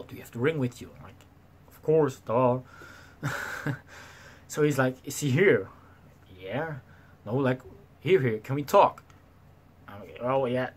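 A young man in his twenties casually telling a story to his camera, animated and swearing freely, acting out the people in it, recorded in a small bedroom on a desk webcam. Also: medium pitch. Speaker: vlogger. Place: small bedroom with slanted ceiling, indoors.

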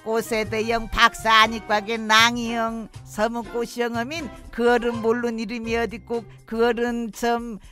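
A woman's voice: a little high, monotone, normal speed, few pauses, pushed and bright, soft background music. A woman playing a middle-aged Jeju wife in a radio drama skit, speaking with a Jeju accent and rambling wistfully with sighs. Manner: rambling, reminiscing, sighing "aigo".

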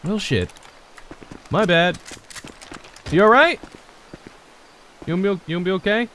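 A man giving casual gameplay commentary as a streamer, with excitable, joking, swearing reactions. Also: high-pitched, moderate pace, a little hiss or hum. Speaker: gaming streamer.

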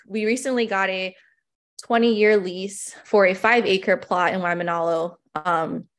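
A woman in her twenties from Hawaii, a small farm owner giving a conference presentation over a video call, talking casually with many fillers. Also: medium pitch. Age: 20s.

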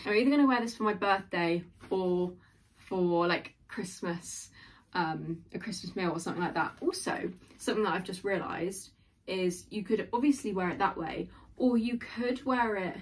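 A woman's voice: medium pitch, a little hiss or hum. A young woman in her twenties chatting through a clothing haul in her bedroom, gushing and full of likes and ums. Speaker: fashion haul vlogger. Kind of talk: casual try-on haul chat. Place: small bedroom, indoors.

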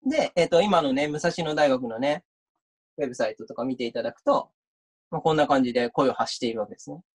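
A man's voice: medium pitch, fast talker, slightly rough. A university lecturer giving an online mock class, chatty and reading out viewer comments as he talks.

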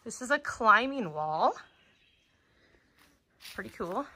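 A woman in the United States films herself touring a wooded farm school, talking slowly in a bright, forceful voice. She is a little out of breath from walking, and she exclaims at each new sight. Her voice is slightly higher than most. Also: lively intonation, breathy edge. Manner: chatty, exclaims at what she sees. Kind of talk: casual walking tour commentary.

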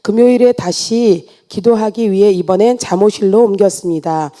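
A woman giving an earnest church testimony, read aloud in a steady way with small restarts. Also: mid-range voice, moderate pace.

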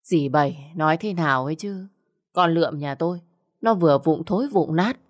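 Sly smooth-talking village husband, done by a woman narrator, low voice. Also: animated, moderate pace. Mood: evasive. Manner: wheedling, evasive. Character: sly middle-aged man, head of the household.

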